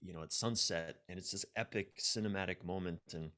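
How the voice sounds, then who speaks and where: This American relationship coach speaks low and a little fast, with a fairly bright tone. As a podcast guest, he tells personal stories frankly and pokes fun at himself, voicing his inner thoughts aloud during the interview.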